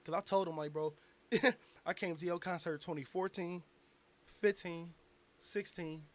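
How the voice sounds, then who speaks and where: Tipsy young man telling a story. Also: a little high. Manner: animated, loose storytelling with lots of slang and swearing. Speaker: guest, aspiring rapper. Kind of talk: casual storytelling interview.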